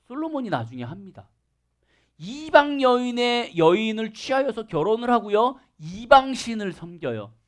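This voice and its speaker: Animated man preaching a sermon. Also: very high-pitched. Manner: asks the congregation questions and acts out dialogue. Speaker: pastor. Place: church worship service.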